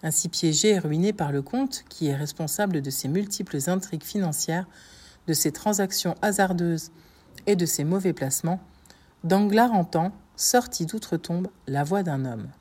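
A woman reads a classic novel aloud in a measured, expressive way. Her voice sits on the low side with a warm, mellow tone. The delivery is steady, literary audiobook narration.

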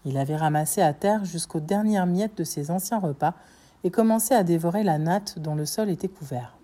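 A woman reads a classic novel aloud in a measured, expressive way. Her voice sits on the low side with a warm, mellow tone. The delivery is steady, literary audiobook narration.

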